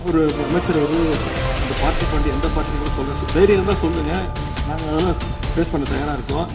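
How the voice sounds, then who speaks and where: A man's voice: a little high, fairly even intonation, fast. A man with a Tamil Nadu accent speaking as an opposition member in the assembly, challenging the government and demanding proof. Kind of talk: political rebuttal in the assembly. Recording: music laid under the speech. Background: music.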